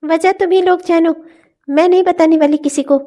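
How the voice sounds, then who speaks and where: A stubborn, resentful young wife from a cartoon family drama, played by a woman. She speaks in curt, cold refusals with a very high yet mellow tone. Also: steady tone, normal speed.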